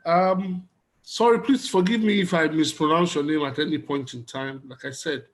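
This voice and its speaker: Speaking at a moderate pace in a fairly high register, a man with a Nigerian accent moderates an online video conference panel. He introduces the guests using courteous, formal phrasing.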